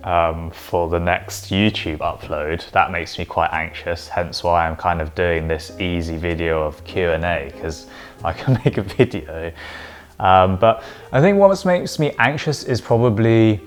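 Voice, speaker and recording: A man in his late twenties from London, chatting casually in a relaxed, rambling way with lots of fillers. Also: low-pitched, unhurried, faint music behind. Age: late 20s. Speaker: vlogger. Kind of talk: casual chat.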